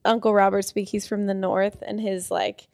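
A woman's voice: medium pitch, little pitch movement, moderate pace, darkish tone. A woman talking casually in a family conversation. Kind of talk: casual chat.

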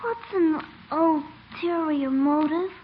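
A small child with a very high, earnest voice, innocent and full of wonder. It is old radio drama acting, on a muffled recording with some noise. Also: takes it slowly. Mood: curious. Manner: earnest, wide-eyed questioning. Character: curious, innocent young child in hospital.

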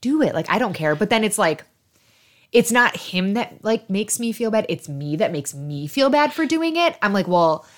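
A woman in her thirties tells animated stories as a podcast co-host. Her talk is loose and full of fillers, and she jumps into quoted back-and-forth dialogue. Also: medium pitch, moderate pace. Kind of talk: casual chat.

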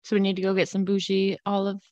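A woman's voice: mid-range voice, completely flat delivery, quick pace, darkish tone, no room sound, muffled recording. A woman co-hosting a podcast, teasing and matter-of-fact as she tells a story in casual banter. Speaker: podcast co-host.

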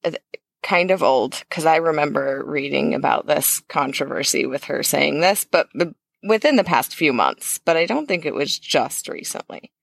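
A woman's voice: low voice, expressive, normal speed, vocal fry, dry recording. A woman co-hosting a podcast in casual chat, blunt and sarcastic, laughing often. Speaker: podcast co-host.

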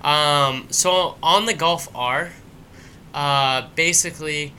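A man's voice: fairly high pitch, takes it slowly, pushed and bright, a little hiss or hum. A tipsy man co-hosting a casual podcast, laid-back and agreeable, with lots of fillers. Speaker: podcast co-host. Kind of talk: casual chat.

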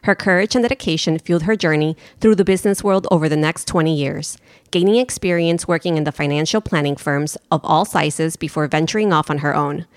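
A woman's voice: deep voice, fairly quick, no room sound, clean studio sound. A woman co-hosting a podcast who reads guest introductions and chats lightly. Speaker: podcast co-host. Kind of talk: casual chat, read introductions.

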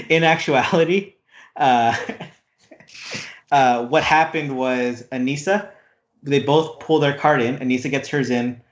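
A man's voice: mid-range voice, slow pace, long pauses. A man co-hosting a podcast, recapping a reality competition in casual chat, rambling with lots of fillers. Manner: rambling, many "like" fillers, animated retelling. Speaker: podcast co-host. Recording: roomy echo.

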